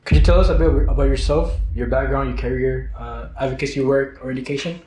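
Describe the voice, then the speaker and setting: Quick-talking man asking questions. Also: mid-range voice, steady tone, mellow, echoey room, rough recording. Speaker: roundtable host. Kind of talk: interview question.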